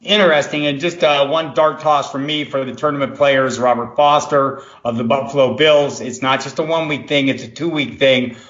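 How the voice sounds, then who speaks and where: Male podcast host, bright voice in a roomy space, lo-fi sound, runs the segments. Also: mid-range voice, steady tone, moderate pace, few pauses. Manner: steers the talk, hands off to guests. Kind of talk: casual podcast chat.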